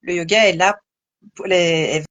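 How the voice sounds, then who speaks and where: A woman's voice: lowish voice, fairly even intonation, measured pace, a bit bright, dry recording. Thoughtful woman in dry close sound. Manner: thoughtful, many fillers and restarts. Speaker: guest, yoga teacher. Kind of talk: conversational live interview.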